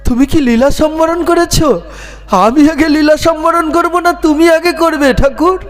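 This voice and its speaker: A man's voice: a little high, a little slow, darkish tone, soft background music, pitched below the performer's own voice, lightly acted. A man voicing an old devotee guru, pleading. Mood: anguished. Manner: pleading, yearning, anguished. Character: aging male devotee guru, desperately devoted.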